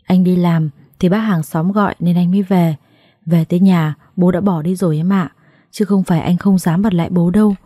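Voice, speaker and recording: A woman's voice: lowish voice, fairly even intonation, fairly quick, dry recording, clean studio sound, close to an everyday voice. A woman voicing a meek, pleading husband. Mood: placating. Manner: soft, pleading and placating. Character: meek, cowardly young husband who placates his wife.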